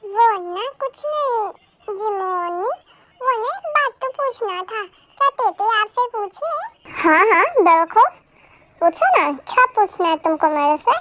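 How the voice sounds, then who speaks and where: A timid young maid speaks in a soft, hesitant voice that breaks into stammers, as a woman puts her on. Her voice sits very high, with a light, small tone. She fits a homemade fan audio drama. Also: animated, a little slow, no echo, full character voice. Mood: shy.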